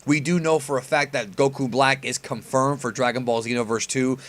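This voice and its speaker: A man's voice: mid-range voice, fairly even intonation, brisk, fairly bright tone. A man giving casual fan commentary as host of a reaction video, informal and a bit sweary. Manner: informal, mildly profane slang. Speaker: host reacting to an anime preview.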